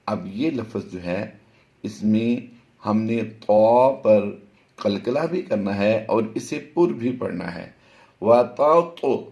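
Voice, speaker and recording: A middle-aged man with a fairly low voice leads a tajweed lesson. He spells the letters out one at a time and then stretches the words into a slow, chanted recitation. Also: a little mellow. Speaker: Quran recitation teacher.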